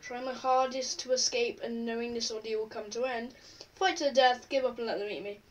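A woman's voice: on the high side, steady tone, a little fast, distant mic, highs cut off, slight background noise. A woman vlogging casually at home, reading quiz questions aloud and answering them offhand. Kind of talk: casual chat while taking an online quiz.

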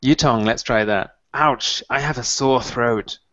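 A man in his thirties, his voice medium-pitched and slightly bright, gives a short online English lesson over a headset on a video call from a small room at home. He is clear, patient and encouraging, modeling phrases slowly. The audio is dull and dry, typical of a video call.

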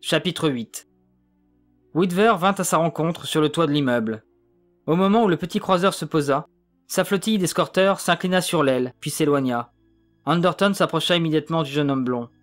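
A man narrating an audiobook in a steady, measured reading. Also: fairly high pitch, soft background music. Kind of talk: scripted narration.

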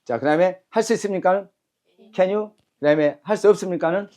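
A man teaching an English lesson in a classroom lecture style, brisk and commanding, calling out cues and having phrases repeated back. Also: high voice, darkish tone.

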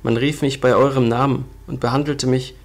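Guy reading as a sulky evil god, slow and annoyed, storybook thing. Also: mid-range voice, fairly even intonation, gravelly, natural voice. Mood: sullen. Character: sullen, resentful male evil god.

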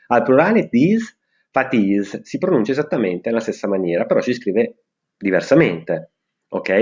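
Guy teaching english grammar to kids, lowish voice that jumps around a lot, kinda dull lo-fi sound. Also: darkish tone. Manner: slow, spelled-out example sentences. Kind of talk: explaining grammar to school pupils.

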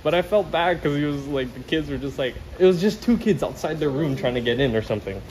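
Lively young man vlogging casually. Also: on the high side, quick pace, slight background noise. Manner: rambling, full of "like" fillers. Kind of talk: casual vlog chat. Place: beach resort, outdoors and by a pool.

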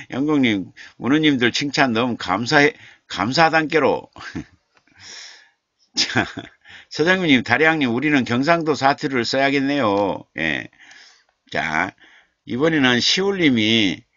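Slow-talking man reading a live stream chat. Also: mid-range voice, pushed and bright, no echo. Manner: slow, chatty, chuckling, repeats names while reading comments. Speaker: literature professor hosting a live stream. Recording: dull, dry lo-fi stream audio.

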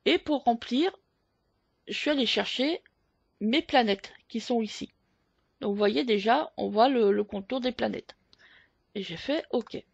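Slow, gravelly-voiced woman explaining software. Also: a little high, no room sound, muffled recording. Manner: slow, hesitant step-by-step explaining with many fillers. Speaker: photo editing tutorial host. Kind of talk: screen-recorded software tutorial.

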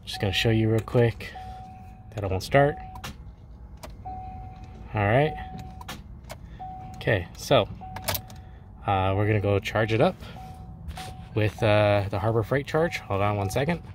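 A man's voice: on the low side, measured pace, long pauses. A man reviewing a product as he works on a car outdoors at night, thinking aloud and muttering to himself. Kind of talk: casual product review while working. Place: outdoors at night in a parking lot. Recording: loud outdoor noise.

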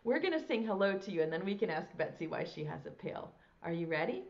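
A woman's voice: lowish voice, very animated, fast talker, muffled recording. A middle-aged woman leading a children's nursery-rhyme lesson in a broad, singsong, theatrical way. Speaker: preschool teacher hosting a children's circle time. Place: small indoor classroom set. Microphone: lapel mic.

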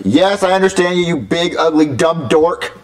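A snotty brat of a boy, put on by a man, mocking and sarcastic. The voice sits a little high and bounces up and down in pitch. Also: expressive, normal speed, lightly acted. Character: bratty rude young boy. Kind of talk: puppet comedy voice acting.

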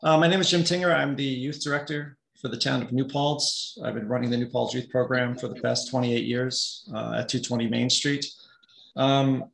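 A man's voice: medium pitch, steady tone, moderate pace, vocal fry, fairly bright tone, reverberant, a little hiss or hum. A middle-aged man, a town youth director, giving passionate, pleading public comment at a zoning hearing over a video call. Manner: passionate, pleading, emphatic repetition.

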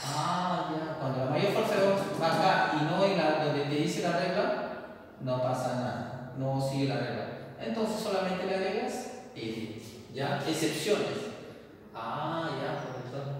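A man's voice: on the high side, animated, unhurried. A man teaching a lesson, explaining rules step by step, repeating himself and checking that listeners follow. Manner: repeats points and checks understanding. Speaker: English teacher. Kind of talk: classroom explanation. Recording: echoey room, voice from far off, faint hiss.

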